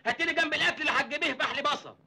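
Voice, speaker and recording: An actor with an Egyptian accent playing a cheeky, hungry orphaned country nephew who wisecracks. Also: male voice, very high voice, sharp tone, heavily acted. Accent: Egyptian Arabic. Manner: joking, fast-talking, cheeky. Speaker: nephew, poor orphaned villager. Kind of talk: 1980s film comedy acting.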